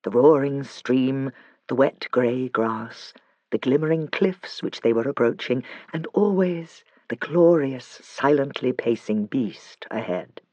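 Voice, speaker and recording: A man narrating a children's fantasy audiobook in a measured storytelling manner. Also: medium pitch, warm tone, dry recording, highs cut off. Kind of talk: scripted narration.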